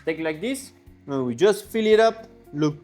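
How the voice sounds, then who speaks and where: A man playing an excitable French chef with a French accent, giving a casual, exclamatory step-by-step cooking tutorial. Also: a little high, normal speed, soft background music, close to an everyday voice. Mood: lively, enthusiastic. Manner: exclamatory, sprinkles in French interjections and kitchen sound words. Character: excitable French chef, a man, teaching soufflé with fussy delight. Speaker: cooking show presenter.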